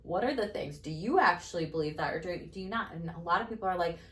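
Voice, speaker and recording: Chatty low-voiced woman in roomy sound. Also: fast talker. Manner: animated, chatty, many fillers. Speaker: host and coach. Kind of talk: casual conversation. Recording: roomy, distant mic, faint noise.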